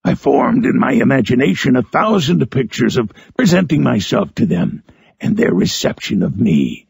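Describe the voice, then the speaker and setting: A man voicing Frankenstein's monster, a lonely, eloquent man-made creature, in a solemn, harsh storybook narration with drawn-out phrasing. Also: medium pitch, sing-song, a little mellow, no echo, heavily acted. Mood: yearning. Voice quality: harsh, gravelly, raspy. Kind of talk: dramatic audiobook narration in character.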